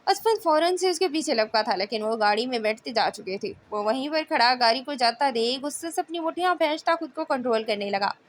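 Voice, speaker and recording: A woman narrating a romance novel in a steady storytelling manner. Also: sits high, a little fast, few pauses, a little hiss or hum. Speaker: audiobook narrator.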